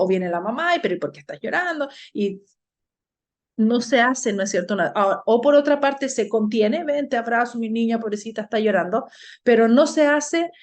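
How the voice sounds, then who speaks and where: A middle-aged woman with a slightly high voice gives a parenting lecture. She explains at an even pace and keeps checking in with her listeners through repeated tag questions. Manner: frequent tag questions "¿no es cierto?". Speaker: educator giving a parenting talk.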